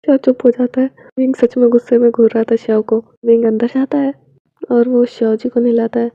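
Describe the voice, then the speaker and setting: Brief: female storyteller, raspy and gravelly, slightly high, reads all parts of a romance tale in a near-unchanged voice. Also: flat delivery, fairly quick, no echo. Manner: switches between narration and characters with little change of voice. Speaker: fan fiction reader. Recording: dull lo-fi home recording.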